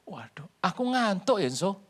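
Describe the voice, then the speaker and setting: A man's voice: sits high, lively intonation, fairly quick, fairly bright tone. A male preacher voicing a desperate fleeing warrior chief, urgent and pleading.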